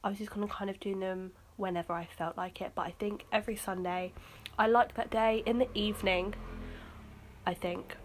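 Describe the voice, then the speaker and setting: A woman's voice: medium pitch, fairly even intonation, normal speed, slight background noise. A woman hosting her own podcast, chatting casually and rambling with lots of fillers. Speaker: podcast host. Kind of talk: casual solo podcast chat.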